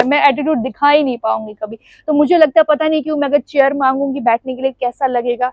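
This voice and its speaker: A woman's voice: sits high, darkish tone, no room sound, low-quality recording. A young woman vlogging at home, talking in a rambling, confiding way and laughing often as she chats. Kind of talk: casual chatty vlog. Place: at home, standing before the camera.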